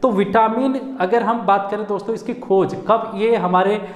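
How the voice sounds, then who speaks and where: A man's voice: sits high, fairly even intonation, normal speed. A man teaching an exam-prep class in a chatty, casual way, often calling his students friends. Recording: echoey room with long reverb.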